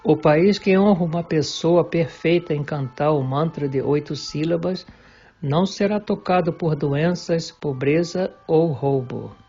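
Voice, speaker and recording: A man reads a devotional text aloud in a slow, measured way. His somewhat raised voice has a husky edge. The recording sounds dull and lo-fi, with faint music underneath. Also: on the high side, warm tone. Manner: measured, deliberate reading. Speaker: reader of a devotional book. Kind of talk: slow scripted reading of a religious text.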